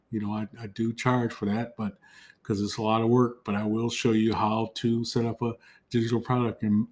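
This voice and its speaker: A man with a lowish, fairly flat voice walks viewers through a casual online tutorial, and his voice is wearing thin. He talks to the audience directly, with plenty of ums and restarts. He sounds like a credit coach sharing tips. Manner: loose, filler-heavy, talks straight to viewers. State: losing his voice.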